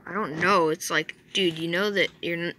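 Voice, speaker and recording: Teen girl gaming w her sister, really bright voice, kinda teasing, a bit of hiss behind. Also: lowish voice, fairly even intonation, normal speed. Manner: chatty, teasing. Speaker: channel owner playing a game. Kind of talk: casual gameplay chat.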